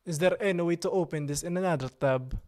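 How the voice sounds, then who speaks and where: He talks quickly in a slightly high, somewhat mellow voice. The Italian-accented man runs a casual computer live stream where he jokes, plays around, and keeps repeating himself.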